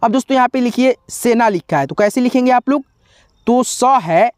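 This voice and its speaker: Slow patient male tutor, dry close sound. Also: extremely high pitch, lively intonation, a little mellow, clear, resonant tone, dry recording. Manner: slow, repetitive, spells letters out one by one; keeps addressing viewers as friends. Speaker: teacher. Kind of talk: tutorial explaining spelling on a board.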